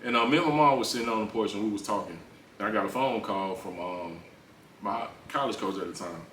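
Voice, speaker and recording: A man's voice: lowish voice, a little fast, a bit bright. A man talking casually as an interview guest, informal and repeating phrases for emphasis. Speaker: interview guest, former pro football player. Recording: roomy echo, distant mic, faint noise.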